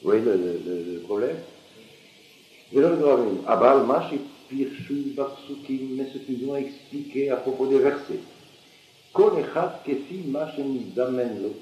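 A man giving a university lecture on Talmud, lively and questioning, with many hesitations and restarts. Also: medium pitch, moderate pace. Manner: lively, questioning, uses Hebrew and Aramaic terms. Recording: muffled roomy lecture recording.

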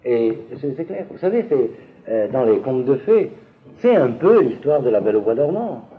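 A man's voice: medium pitch, very animated, moderate pace. Guy giving a lecture, voice jumps up and down a lot, sounds like an old phone-line tape. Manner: hesitant, restarts, asks if clear. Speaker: teacher. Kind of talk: lecture on biblical texts.

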